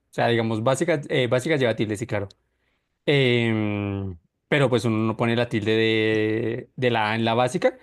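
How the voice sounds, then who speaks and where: A man teaching an online class, explaining step by step with many restarts and self-corrections. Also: mid-range voice.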